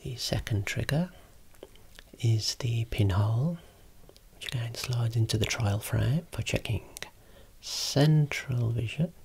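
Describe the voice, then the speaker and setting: A voice whispering slowly and softly, showing eye-clinic equipment as an ASMR role-play optometrist. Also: mid-range voice, vocal fry, husky. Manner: soft unvoiced whispering, explaining slowly.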